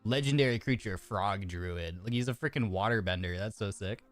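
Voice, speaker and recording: A lowish-voiced man speaks at a moderate pace with faint music behind. Streaming a card game with a sore throat and a bit of congestion, he chats casually and reads card text aloud, full of restarts and fillers.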